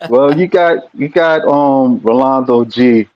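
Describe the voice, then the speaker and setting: A man hosting an interview over a video call, asking questions in a halting, hesitant way. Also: medium pitch. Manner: halting, hesitant, many ums and restarts. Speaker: interview host. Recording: dull lo-fi audio.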